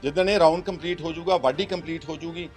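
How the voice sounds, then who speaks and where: A man's voice: on the high side, quick pace, a little mellow, faint music behind. A man with a Punjabi accent, a politician answering reporters in an insistent, rhetorical way, repeating phrases for emphasis. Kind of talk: press interaction, mixing English phrases.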